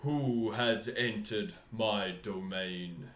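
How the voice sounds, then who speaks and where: Man putting on a slow, deep, echoing hall lord. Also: fairly bright tone. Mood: menacing. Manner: slow, commanding, stretched-out words. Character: imposing, suspicious lord of a dark hall, slow-speaking male. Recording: roomy, echoing home recording.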